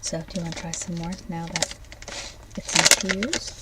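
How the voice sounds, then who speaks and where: A woman doing an ASMR ASMR role-play in a soft, hushed voice, speaking gently and directly to the listener. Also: lowish voice, little pitch movement, moderate pace, very noisy. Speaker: ASMR host. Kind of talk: soft ASMR ASMR role-play, tasting snacks and reading oracle cards.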